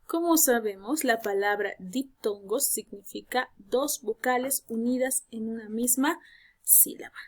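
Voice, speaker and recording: A woman's voice: a little high, measured pace, hardly any pauses. A woman teacher, giving a recorded grammar lesson, explaining patiently, repeating key points and speaking to her students with rhetorical questions.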